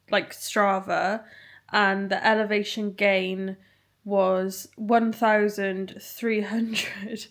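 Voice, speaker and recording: Tired British woman vlogging, unhurried. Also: medium pitch. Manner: tired, rambling. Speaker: running vlogger. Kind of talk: casual chat to camera.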